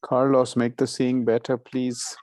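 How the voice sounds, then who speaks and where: A man's voice: mid-range voice, completely flat delivery, unhurried, a little mellow, no room sound. A man hosting a casual science conference call, speaking politely and asking participants questions. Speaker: session host and astronomer.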